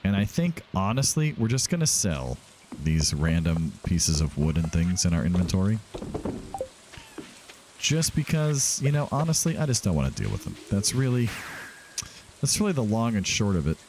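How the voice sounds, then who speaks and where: Very animated and speaking at normal speed, a man with a voice on the low side hosts a casual let's-play. Background noise is present, and he chats both to himself and to the game's characters.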